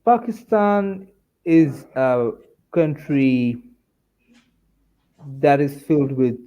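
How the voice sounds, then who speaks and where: A man giving his views in a casual political discussion who speaks in a measured way and hedges his points. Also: fairly high pitch, animated, muffled recording.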